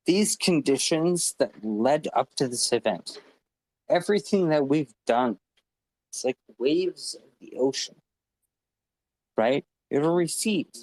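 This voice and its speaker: A man's voice: on the high side, lively intonation, takes it slowly, a little mellow, no echo, rough recording. A man speaking as a guest on a live online audio panel, passionate, profane and rambling. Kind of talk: impassioned live audio-room talk. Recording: online audio-room stream.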